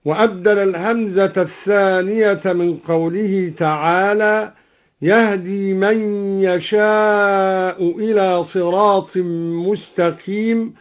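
A man explaining Quran reading variants in a measured, scholarly way, quoting verses in a light chant, on a dull archival radio recording. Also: high-pitched, fairly even intonation. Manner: slow, deliberate, quotes verses in a light chant. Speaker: Quran recitation teacher.

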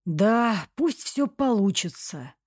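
A woman's voice: medium pitch, big pitch swings, slow pace, darkish tone, dry recording, studio quality. Woman reading an earnest troubled young man.

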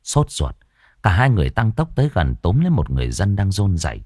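A low-voiced man telling a horror tale in a measured way. His pitch moves a lot from line to line. The recording is dry and close. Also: huge pitch swings, darkish tone, dry recording. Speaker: storyteller. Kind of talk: narrating a horror story.

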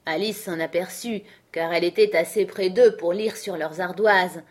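A woman reading a classic storybook aloud in a calm, measured way. Her voice sits on the lower side for a woman, even and unhurried. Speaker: audiobook narrator. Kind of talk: storybook narration.

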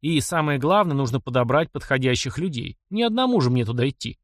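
A man's voice: mid-range voice, expressive, fast talker, no room sound, clean studio sound. A man voicing a practical young mechanic in an audiobook, blunt, wry and stubborn. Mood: firm. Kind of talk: audiobook character reading.

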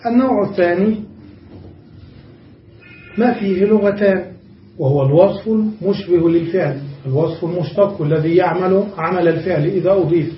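A man giving a grammar lesson who explains step by step, slowing down to draw out each example word and stopping to check that his students follow. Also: sits high, slight background noise. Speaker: teacher. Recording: echoey lo-fi recording from a distance.

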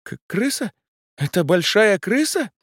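A man's voice: animated, no room sound, clean studio sound, lightly acted. A man voicing a haughty, nervy rich woman client who talks imperiously and panics easily. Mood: frightened. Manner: shrill, imperious, quick to panic.

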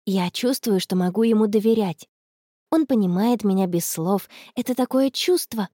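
Storybook teen girl, dreamy and stubborn, read by a woman; soft, dry, close delivery. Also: medium pitch, normal speed, slightly rough, dry recording, lightly acted. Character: dreamy stubborn schoolgirl in love, teenage.

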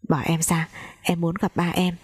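Grieving young heiress, twenty, low husky voice, read by a woman storyteller. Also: little pitch movement, moderate pace, darkish tone, no echo, studio quality. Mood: pleading. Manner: pleading, broken speech.

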